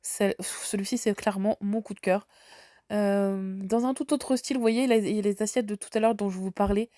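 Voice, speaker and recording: A woman's voice: medium pitch, fairly even intonation, normal speed, dark tone, no echo, studio quality. A woman from France with a slight head cold, chatting casually and enthusiastically while walking through a large store. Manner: chatty, enthusiastic, lots of fillers. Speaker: shopping vlogger. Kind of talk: casual shop walkthrough.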